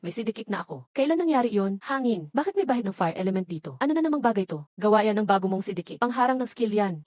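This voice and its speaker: Woman, dubbed drama lines, voices every role alike, mid pitch, dry close sound. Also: darkish tone, dry recording. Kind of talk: dubbed short drama dialogue.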